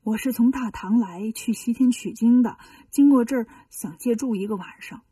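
A meek, easily wounded pilgrim monk speaks in a plaintive, aggrieved way, as a woman storyteller puts him on. The voice sits a bit high and sounds breathy. The sound is dry and slightly distant. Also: moderate pace, dark tone, no echo. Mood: indignant. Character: meek, easily hurt traveling monk master, a man.

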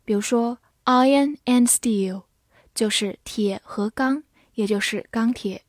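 Woman, Mandarin-speaking English teacher, slow and deliberate, spells words out, fairly high voice, dry close sound. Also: no echo. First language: Mandarin Chinese. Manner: spells words letter by letter and reads example sentences slowly. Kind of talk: scripted vocabulary lesson.

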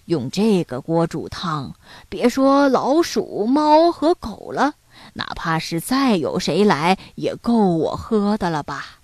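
A woman voicing a lonely, generous old grandfather who speaks gently and cheerfully in a children's story. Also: on the low side, sing-song, slow pace, no echo, exaggerated voice. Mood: gentle.

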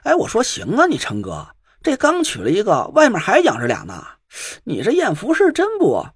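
A man's voice: sits high, wildly swooping pitch, fast talker, sharp tone, slightly rough, no echo, clean studio sound, voice pushed up, full character voice. A man playing a cheeky, teasing young buddy.

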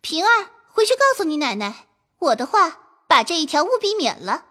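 A woman's voice: high-pitched, big pitch swings, moderate pace, pushed and bright, exaggerated voice. A woman voicing a proud, shrewd young noblewoman who mocks the servants coldly and gives firm orders in an audio drama. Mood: commanding. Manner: cold, mocking, commanding.

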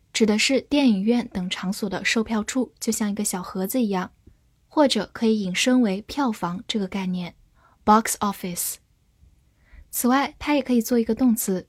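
A woman giving a scripted English vocabulary lesson, spelling words letter by letter and reading example sentences slowly and carefully. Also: mid-range voice, dry recording, studio quality. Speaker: English teacher.

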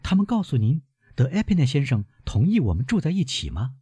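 A man's voice: medium pitch, very animated, brisk, warm tone, husky, dry recording, voice pushed up. A man voicing an anxious, devoted young granddaughter who keeps pressing her questions urgently. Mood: anxious pleading.

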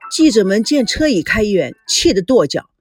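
Expressive woman narrating a novel. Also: medium pitch, normal speed, over music. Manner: expressive storytelling, voicing every character.

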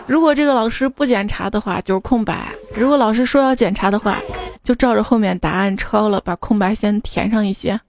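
A woman hosting a show, telling jokes in a chatty manner and laughing at her own punchlines. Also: fairly high pitch. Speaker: host. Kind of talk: casual joke telling.

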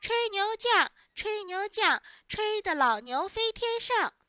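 A woman's voice: very high-pitched, big pitch swings, slow, sharp tone, dry recording, studio quality, pitched above the performer's own voice, full character voice. A woman voicing a group of village children chanting teasing rhymes in a storybook. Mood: taunting. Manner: taunting, sing-song chanting.

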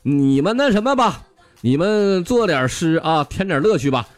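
A man's voice: on the high side, lively intonation, normal speed, no echo, pitched above the performer's own voice, lightly acted. A man voicing a snobbish rich old landowner who bossily orders his sons-in-law to make up poems. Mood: bossy.

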